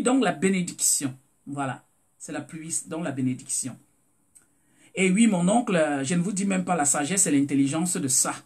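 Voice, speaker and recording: A live stream host from Cameroon, with a Cameroonian French accent and a medium-pitched voice, holds a casual live talk. The host repeats words while searching for them and calls out viewers by name.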